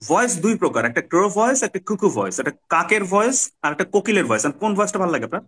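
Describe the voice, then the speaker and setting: A man with a Bangladeshi accent teaching a soft skills class, quizzing his students and acting out examples as he goes. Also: sits high, very animated, quick pace, slightly rough. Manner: teacherly, asks the class questions and acts out examples. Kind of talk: classroom lecture.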